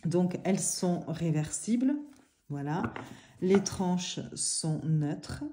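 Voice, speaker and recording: A woman with a mellow, low-pitched voice talks through an oracle book and cards in her living room. She chats casually, filling pauses and apologizing now and then. She sounds like she is speaking to a camera on a tripod. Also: animated, a little hiss or hum. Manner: chatty, many fillers and apologies. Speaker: oracle card reviewer. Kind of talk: casual product review.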